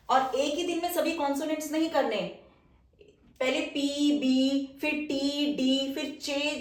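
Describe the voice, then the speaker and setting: A woman's voice: high-pitched, roomy sound, distant mic. A woman teaching shorthand step by step, patiently repeating each sound and often checking that the viewer follows. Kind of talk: step-by-step spoken lesson.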